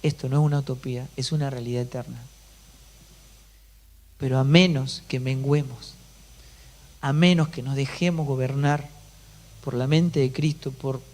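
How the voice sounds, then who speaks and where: A pastor delivering an emphatic sermon, often putting rhetorical questions to the congregation. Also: male voice, medium pitch, fairly even intonation, normal speed, long pauses, a little mellow.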